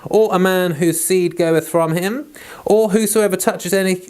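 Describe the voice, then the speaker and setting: A Bible read-along vlog host drifts through casual, rambling chat before turning to scripture, speaking in a playful, self-deprecating, informal manner. The medium-pitched voice is steady, somewhat dark and clean-toned, going a little slow.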